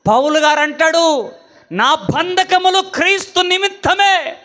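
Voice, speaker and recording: High bright-voiced male preacher. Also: unhurried. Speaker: pastor. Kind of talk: sung worship and sermon.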